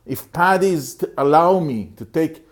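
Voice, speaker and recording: A middle-aged man from Israel, a motivational speaker telling his personal life story to the camera in an earnest, halting way, often repeating and restarting phrases. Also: a little high, lively intonation.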